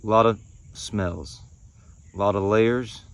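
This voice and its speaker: A man in his thirties giving a casual review to camera, speaking in short phrases with unhurried pauses. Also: on the low side, steady tone. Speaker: pipe tobacco reviewer. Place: outdoors in a pine wood.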